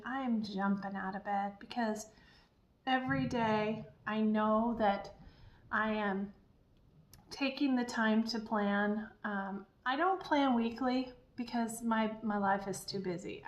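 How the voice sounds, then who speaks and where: Woman, slightly high pitch, casual vlog chat, upbeat, encouraging, very echoey room. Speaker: diet vlogger. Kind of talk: casual chatty vlog talk.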